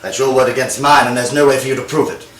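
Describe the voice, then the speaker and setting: A man's voice: medium pitch, flat delivery, quick pace, fairly bright tone, slight background noise, lightly acted. A man playing an evasive, cornered cheating husband. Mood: defensive. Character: defensive adult man accused of cheating. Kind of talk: rehearsed scene work in acting class. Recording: echoey room from a distance.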